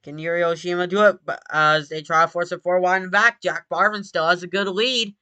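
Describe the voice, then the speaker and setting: A motorsport commentator calling a race live in an excitable manner. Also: medium pitch, a little fast, clean tone, no room sound. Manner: excitable motorsport commentator delivery, breaking into shouts at big moments.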